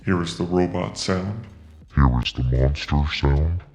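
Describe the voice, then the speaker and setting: A man's voice: low-pitched, a little slow, a little mellow, in a large hall. A man demonstrating a gaming mixer's voice changer, with his voice morphed far up or down and sounding distant and processed. He speaks in plain, matter-of-fact narration. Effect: voice changer on a gaming mixer, shifting the voice far up or down. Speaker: product reviewer. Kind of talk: gear review demo.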